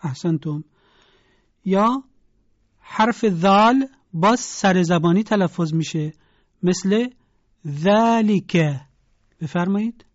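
In a broadcast lesson, a teacher of Quran pronunciation spells out sounds slowly and deliberately so listeners can repeat them. The voice is mid-range, with no echo and the high frequencies cut off.

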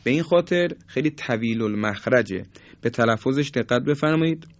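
A man teaching Quran recitation rules, explaining calmly and slowly stretching out example words to show each sound. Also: mid-range voice, dry recording. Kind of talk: tajweed lesson. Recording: dull, dry recording.

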